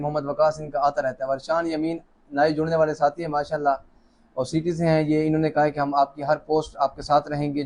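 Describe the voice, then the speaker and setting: Chatty man hosting a live draw. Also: fairly high pitch. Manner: chatty, joking, warm greetings to viewers. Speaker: host of a live lucky draw. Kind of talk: casual live-stream chat, reading out names. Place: office, seated alone at a camera.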